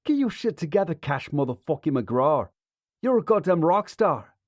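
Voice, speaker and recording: A woman's voice: lowish voice, takes it slowly, darkish tone, no room sound, studio quality. A woman voicing a sarcastic, teasing young male rocker bandmate in an audiobook. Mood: taunting. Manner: sarcastic and taunting.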